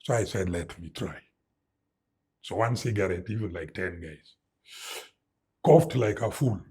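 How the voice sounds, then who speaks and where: In an interview, a middle-aged Kenyan man speaks in a low, unhurried, slightly rough voice with a Kenyan English accent. He is a guest telling a story with animated flair, mimicking sounds and mixing in Swahili words.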